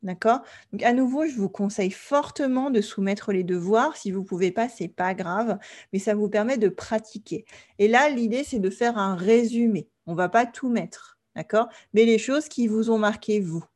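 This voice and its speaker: A woman from France teaching an online French class, explaining slowly and clearly and often checking that her students follow. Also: medium pitch, darkish tone.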